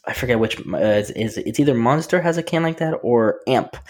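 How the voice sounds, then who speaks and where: A man's voice: medium pitch, animated, fairly quick, darkish tone. A man co-hosting a podcast in casual chat, easygoing and a little hesitant.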